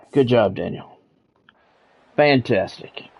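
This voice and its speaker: A gravelly, lowish male voice with a breathy edge and drawn-out words calls a football video game live on stream. He blends clipped, practiced announcer phrases with casual, offhand remarks. The sound is dull lo-fi, with faint background noise.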